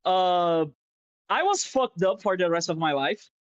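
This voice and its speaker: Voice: mid-range voice, expressive, a little slow, dry recording, highs cut off. Rambling, profane streamer on a headset. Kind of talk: casual chat while drawing.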